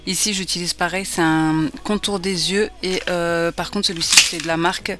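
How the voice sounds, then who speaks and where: A woman's voice: lowish voice, fairly even intonation, normal speed, bright, forceful tone. A woman in her thirties talking casually through her evening routine as a vlogger, with many hesitations and fillers. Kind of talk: casual vlog voice-over.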